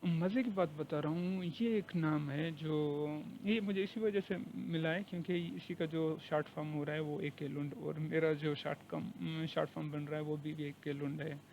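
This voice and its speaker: A Pakistani-accented man, a lecturer, talks straight to the camera in an earnest, conversational way, dropping English words in as he goes. His voice sits a little high and stays fairly flat, without much rise and fall. A faint hum runs under the recording. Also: moderate pace, gravelly, hardly any pauses, poor audio. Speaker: university lecturer. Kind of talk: personal talk to camera. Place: living abroad, recording informally.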